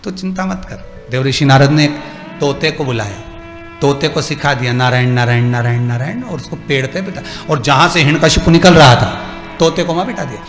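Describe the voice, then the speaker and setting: Male preacher, devotional sermon, bright forceful voice, long hall reverb. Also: medium pitch, fairly quick, faint music behind. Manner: emphatic, acts out dialogue, asks the crowd. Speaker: katha preacher.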